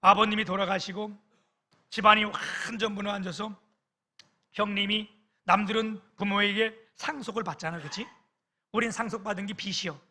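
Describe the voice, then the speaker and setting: A man's voice: high voice, steady tone, normal speed, pushed and bright. A middle-aged male pastor preaching a sermon, telling a personal story with emotional swings and acted-out quotes.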